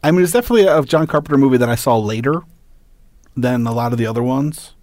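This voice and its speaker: A man co-hosting a movie podcast, giving dry, measured replies in casual chat. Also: medium pitch, expressive, a little mellow, dry recording. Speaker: podcast co-host.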